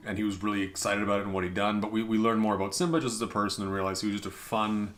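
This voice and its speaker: A man's voice: on the low side, fairly even intonation, very fast, a bit bright. A man from Canada, a podcast guest chatting casually, telling stories with dry jokes and trailing asides. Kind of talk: casual chat.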